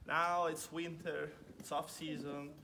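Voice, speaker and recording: Here the young Italian guide sounds a little high, flat and unhurried, his Italian accent clear as he chats a group through a winery tour outdoors, heaping on "very." He's on a stone village street, recorded by a phone camera from inside the crowd, so the audio is distant with loud noise all around.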